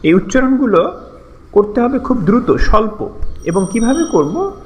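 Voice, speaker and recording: A man's voice: extremely high pitch, sing-song, moderate pace, a little hiss or hum. A man teaching a lesson, explaining step by step and patiently repeating syllables for practice.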